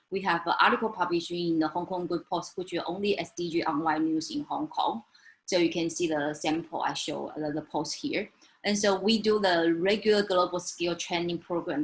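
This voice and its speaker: A woman from Taiwan, an English speaker, presenting slides in a webinar, halting with many fillers and restarts. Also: fairly low pitch, low-quality recording.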